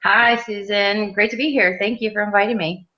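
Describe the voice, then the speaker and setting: A woman's voice: medium pitch, steady tone, moderate pace, sharp tone. A woman artist from Western New York, chatting casually in an interview with lots of ums. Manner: chatty, many ums, laughs easily. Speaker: mixed media artist, guest. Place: outdoor art studio. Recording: dull lo-fi sound.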